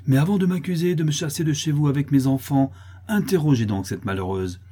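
A man's voice: mid-range voice, expressive, normal speed, warm tone, slightly rough. A man voicing a harsh peasant widow who sells milk, in an accusing, insistent manner, for a storybook reading.

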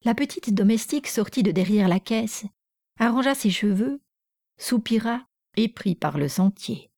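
A woman reading a classic novel aloud in a measured, even storytelling voice. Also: a little high, gravelly, no room sound, studio quality. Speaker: narrator.

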